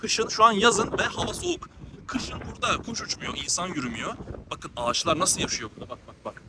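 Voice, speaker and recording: A travel vlogger walks the streets of a small town outdoors, out of breath as he delivers a heated, ranting monologue that often repeats itself. His voice is a little high and sing-song, and he talks fast. The recording is noisy with outdoor street sound.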